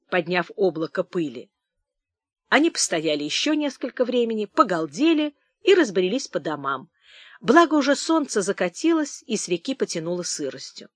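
Expressive female audiobook reader, lively melody, dry close sound. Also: medium pitch, no room sound. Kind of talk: audiobook narration.

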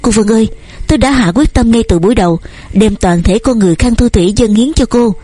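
Earnest young male suitor, read by a woman, eager and wordy, husky dark tone, audiobook. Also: a little high, fast, dry recording.

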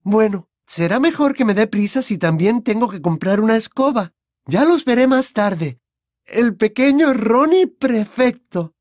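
A man's voice: sits high, animated, a little slow, a little mellow, no room sound, clean studio sound, pitched above the performer's own voice. A man voicing a doting, fussy middle-aged witch mother who gushes over her son. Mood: gushing. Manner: gushing and flustered.

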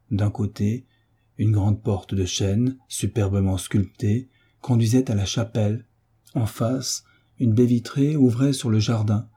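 A man reads a classic novel aloud as an audiobook narrator, raising his voice when the characters speak. His tone is very dark and mellow, a little husky, and sits on the low side. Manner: lifts his voice for the characters' lines.

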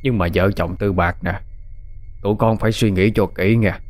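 A man with a Southern Vietnamese accent voicing an elderly village uncle who speaks slowly and warns with grudging caution. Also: lowish voice, steady tone, soft background music, lightly acted.

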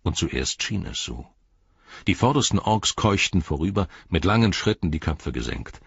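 A man narrating an audiobook in a measured, dramatic storytelling manner. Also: low-pitched, sing-song, creaky, a bit bright, husky, no room sound, muffled recording. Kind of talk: scripted narration.

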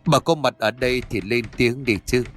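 Man voicing a calm stern exorcist. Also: mid-range voice, soft background music, lightly acted. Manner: calm, measured, admonishing.

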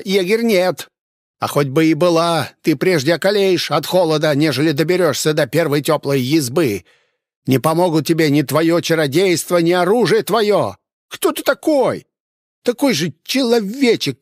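A man voicing a bitter, stubborn innkeeper who shouts in anger and whose voice cracks high. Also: dry recording, studio quality. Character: furious desperate male innkeeper, bitter and stubborn. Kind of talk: audiobook character voice.

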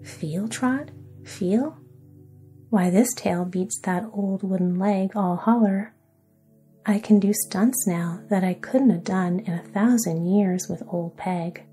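A woman softly voicing a timid old one-legged sailor in a whispered role-play sleep story. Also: mid-range voice, slow pace, soft background music, natural voice. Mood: worried. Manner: soft and hushed.

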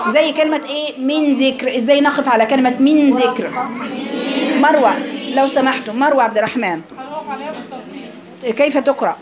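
A woman with an Egyptian accent teaching Quran recitation to a class, quizzing her students and modelling words slowly. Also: high voice. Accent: Egyptian Arabic. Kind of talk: classroom lesson. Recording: crowd noise behind.

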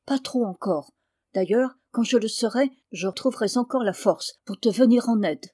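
A woman's voice: fairly high pitch, moderate pace, dark tone, slightly rough, no echo, studio quality. A woman voicing a cheerful, sturdy farm boy who teases and helps his brother.

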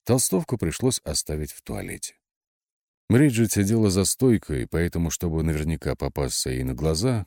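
A man narrating a first-person audiobook in an expressive storytelling manner. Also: deep voice, no echo, studio quality.

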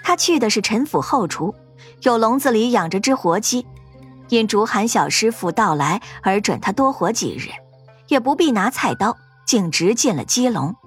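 A woman narrator with a fairly high, breathy voice that moves lively through her range. She tells a ghost tale dramatically, with faint music underneath. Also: normal speed. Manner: expressive, dramatic storytelling. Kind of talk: storytelling narration.

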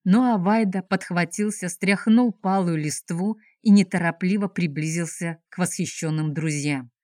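A woman narrates a novel in a measured, expressive manner. Her voice sits somewhat low, and the recording is dry and close. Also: dry recording. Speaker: audiobook narrator. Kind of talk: scripted narration.

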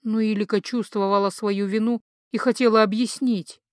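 A woman narrating an audiobook in an expressive storytelling manner on a close studio mic. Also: medium pitch, moderate pace, no room sound. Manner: expressive, lively storytelling intonation. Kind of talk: scripted narration.

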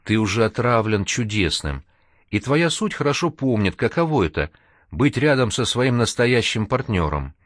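A man's voice: fairly low pitch, expressive, normal speed, a bit bright, no echo, clean studio sound. A man reading an audiobook, voicing a serious, sincere male mentor with a stern manner.

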